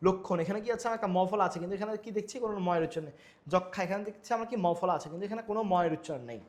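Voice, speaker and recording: A man's voice: high voice, rapid-fire, darkish tone. A young man teaching a grammar lesson over slides, asking himself questions and repeating each rule. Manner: repetitive, quizzing himself with rhetorical questions. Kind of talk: exam-prep lecture over slides.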